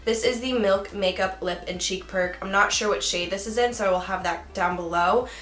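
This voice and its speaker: A woman's voice: medium pitch, normal speed, a bit bright. Chatty young woman vlogger, echoey room. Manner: chatty, giggly, self-mocking asides. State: hiccups. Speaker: beauty vlogger. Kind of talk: makeup tutorial talk.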